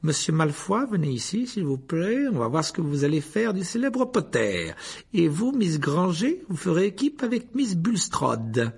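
A man's voice: a little high, sing-song, vocal fry, a little mellow, slightly rough, voice pushed up, full character voice. A man voicing a cold, sneering male potions teacher who drags out his words, in a storybook reading. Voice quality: sneering, icy, drawn-out.

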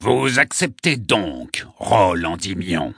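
A raspy, cantankerous ancient poet, as an audiobook narrator puts him on, pitched a little above the reader's own low, husky voice. He swings between solemn pronouncements and biting sarcasm. The sound is dry and close. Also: very animated, slow pace, bright, forceful tone, no room sound, exaggerated voice. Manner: solemn, sardonic outbursts. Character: ancient frail male poet, cantankerous and grandiose.

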